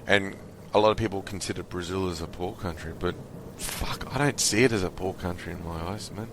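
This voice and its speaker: Low-voiced Australian man, rambling casual talk. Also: brisk, noisy background. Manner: loose, rambling, swears casually, many restarts. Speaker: podcast host. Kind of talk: casual conversation.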